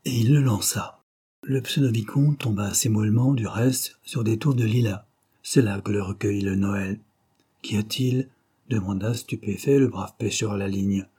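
Mellow, husky man reading aloud. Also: fairly low pitch, normal speed. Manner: reads the dialogue with raised, lively voices. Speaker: audiobook narrator. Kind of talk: scripted narration.

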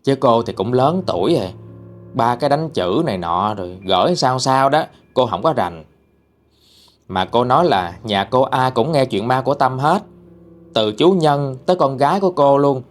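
Expressive Southern Vietnamese male storyteller. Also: medium pitch, normal speed. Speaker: ghost story narrator and channel host. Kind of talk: storytelling narration.

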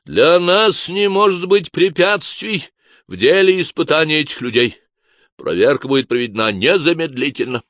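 A man voicing a stern, pompous older male inquisitor who proclaims loudly in an audiobook. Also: animated, normal speed, dry recording, studio quality, natural voice. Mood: solemn. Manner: booming, solemn proclamations.

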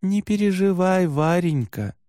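A man reading an audiobook, voicing a kindly herder's wife who speaks gently and soothingly. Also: sits high, big pitch swings, unhurried, no room sound, studio quality, pitched above the performer's own voice. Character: kindly female herder's wife, calm and reassuring.

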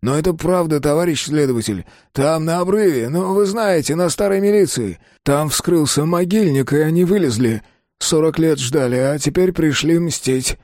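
A man voicing a frightened older pensioner who pleads in a rushed way. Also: on the high side, darkish tone, no echo, clean studio sound, voice pushed up, close to an everyday voice.

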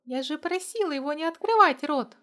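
A woman voicing a sweet but sharp-tempered young woman in an audiobook, with a coaxing, snappish manner. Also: sits high, animated, brisk, pitched above the performer's own voice.

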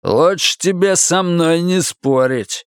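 A man voicing a brutal, abusive husband who snarls and yells threats. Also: a little high, lively intonation, slow pace, clear, resonant tone, dry recording, studio quality, pitched above the performer's own voice. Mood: menacing.

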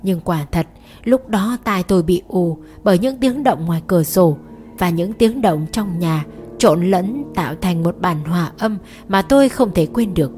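A woman reading a first-person horror story aloud in a measured, suspenseful manner. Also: lowish voice, animated. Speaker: narrator. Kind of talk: scripted horror story narration. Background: soft music.

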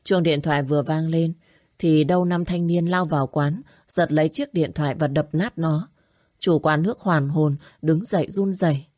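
Low-voiced woman narrating a drama story. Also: moderate pace, warm tone, no room sound, studio quality. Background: faint music.

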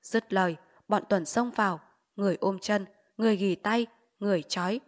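A woman's voice: medium pitch, moderate pace. Woman reading a novel aloud. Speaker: audiobook narrator.

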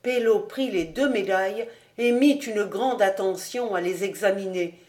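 A woman's voice: mid-range voice, measured pace, a little mellow. Woman reading a classic novel aloud. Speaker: audiobook reader. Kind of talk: literary narration.

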